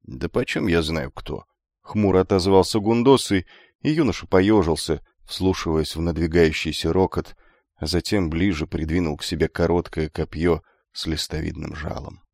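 A man narrating an audiobook in a measured, dramatic storytelling manner. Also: deep voice, steady tone, gravelly, a little mellow, no echo, clean studio sound.

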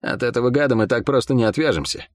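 A man voicing a wry male companion who speaks low and calmly in an audiobook. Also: quick pace, no echo, close to an everyday voice. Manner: low, calm and dry. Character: wry male companion, oddly calm under danger.

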